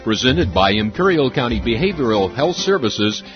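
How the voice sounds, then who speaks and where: A man's voice: mid-range voice, big pitch swings, moderate pace, muffled recording, over music. A man reading a scripted intro as announcer for a radio show.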